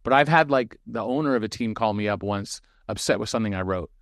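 A man's voice: fairly low pitch, fast talker, no echo, studio quality. A man co-hosting a webinar, reading out audience questions and chatting loosely, with lots of fillers and restarts. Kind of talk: casual webinar chat.

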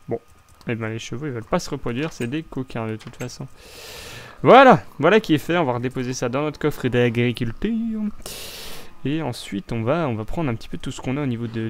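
A young man with a French accent chatting casually as he plays a building game, rambling with lots of restarts. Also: mid-range voice. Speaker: Minecraft let's play host. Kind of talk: casual gameplay commentary.

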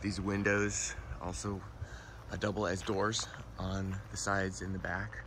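This man, a product reviewer, speaks in a deep voice at a measured pace, with background noise. Filmed outdoors on a handheld phone, he relaxedly explains a rooftop tent while handling its parts, first next to a car and then inside the tent.

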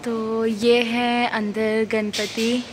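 A woman's voice: fairly high pitch, little pitch movement, very slow, background noise. A woman in her thirties chatting casually to camera in a travel vlog, recorded outdoors on a phone held at arm's length. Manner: chatty, informal, talks straight to camera. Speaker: travel vlogger. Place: outdoors at night by a roadside stall and at a temple.

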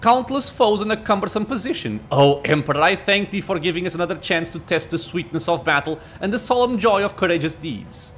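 A man's voice: high voice, animated, a little fast, hardly any pauses, fairly bright tone, slight background noise. A man reading out the lines of a zealous female battle sister in a solemn, declamatory way. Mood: fervent. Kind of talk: reading game dialogue aloud.

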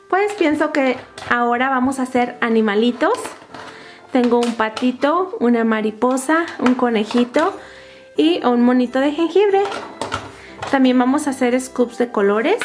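A high-pitched woman with a Latin American Spanish accent hosts a children's toy video, sounding bright, excited and sing-song as she unboxes toys and narrates crafts. She uses diminutives for the kids watching, and background music plus a little hiss or hum sit under her voice.

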